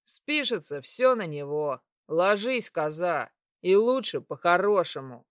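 A woman voicing a brutish male satyr who talks in a crude, mocking, threatening way, lower and louder than her own voice. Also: lively intonation, unhurried, no room sound, studio quality. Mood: taunting menace. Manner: crude, taunting, hissing.

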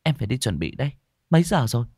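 A man voicing a young woman student, frightened and tearful, speaking in high, breathless, stammering pleas. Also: very animated, very fast, warm tone, slightly rough, no echo, clean studio sound. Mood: flustered.

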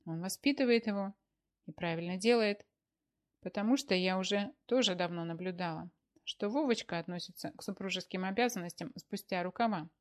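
A woman voicing a stern, bossy older wife who scolds with a sharp tongue in a read-aloud story. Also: lowish voice, brisk, close to an everyday voice. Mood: scolding.

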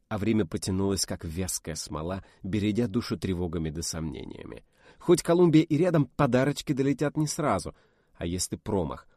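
Low-voiced man narrating a sci-fi audiobook. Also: warm tone, no room sound, clean studio sound. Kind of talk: scripted fiction narration.

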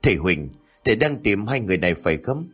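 A man's voice: lowish voice, sing-song, fast talker, slightly rough, soft background music. A man voicing a cold, accusing masked woman who confronts the wrongdoers in a horror story.

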